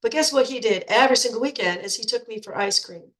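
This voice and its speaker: This stuffy-voiced, middle-aged nutrition coach sounds a little high and a bit bright, talking fast in an echoey room on a rough recording. Congested with a cold, she chats informally with her program members and repeats words whenever she restarts.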